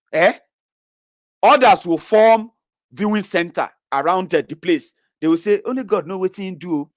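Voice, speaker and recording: A man's voice: sits high, no echo, clean studio sound. A man with a Nigerian accent giving impassioned, sermon-like political commentary, scolding and lecturing with rhetorical questions.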